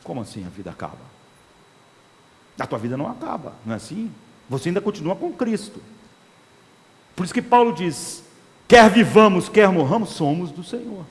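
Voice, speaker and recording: A man's voice: high-pitched, sing-song, fairly quick. A man preaching an impassioned sermon, acting out the inner voices of desire. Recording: long hall reverb.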